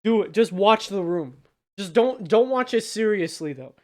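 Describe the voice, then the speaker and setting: A man with a notably high voice hosts a casual movie podcast. He sounds tipsy and talks in emphatic, excitable banter, swearing freely as he goes. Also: normal speed. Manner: tipsy, from drinking on the show. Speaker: podcast host.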